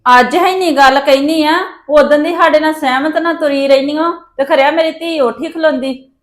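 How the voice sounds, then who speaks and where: A woman with a high-pitched voice plays an indignant mother in a family drama. She accuses and scolds sharply. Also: steady tone, moderate pace. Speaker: mother of the hospitalised daughter. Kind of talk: scripted village family drama.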